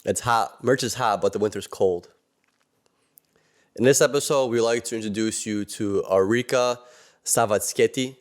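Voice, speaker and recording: A man co-hosting a podcast interview, introducing the guest and asking attentive questions. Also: fairly low pitch. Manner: attentive, short backchannel murmurs. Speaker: podcast co-host.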